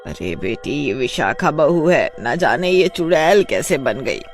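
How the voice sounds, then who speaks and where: A man's voice: mid-range voice, sing-song, a little slow, faint music behind. A man voicing a fussy, nagging old mother-in-law in a cartoon story, whiny and easily frightened.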